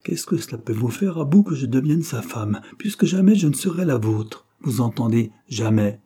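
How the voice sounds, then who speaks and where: A man's voice: mid-range voice, a little slow, mellow, slightly rough. A man reading aloud, voicing a proud, heartbroken young orphan woman with bitter, tearful reproach. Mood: defiant.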